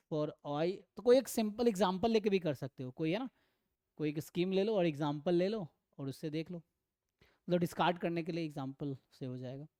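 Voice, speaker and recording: A man's voice: on the high side, warm tone, clear, resonant tone, no echo, clean studio sound. Man teaching statistics in Hindi and English. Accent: Indian English. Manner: mixes Hindi and English, reads questions out slowly, repeats phrases with "है ना". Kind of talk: online exam-prep lecture solving past questions.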